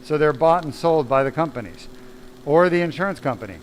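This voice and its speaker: A man's voice: fairly high pitch, expressive, fairly quick, slight background noise, rough recording. A man, a spine surgeon, giving a blunt, emphatic live question-and-answer talk full of rhetorical questions.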